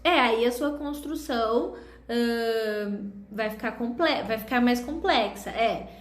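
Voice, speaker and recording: A woman's voice: a little high, slow pace. A woman with a Brazilian accent teaching an English grammar class online, patiently explaining each step and checking in with her students. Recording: echoey room with faint background noise.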